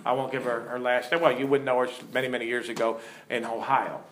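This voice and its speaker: A man's voice: medium pitch, steady tone, fast, fairly bright tone. Earnest pastor man in an echoey room. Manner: earnest, storytelling, asks the audience questions. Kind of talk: teaching sermon with stories.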